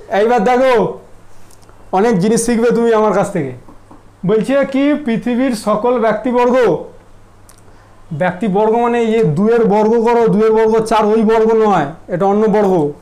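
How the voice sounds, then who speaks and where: A man's voice: high voice, normal speed, a little mellow. Teasing casual math teacher, man. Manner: teasing, asks students constant check questions. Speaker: mathematics teacher. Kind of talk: casual classroom lecture.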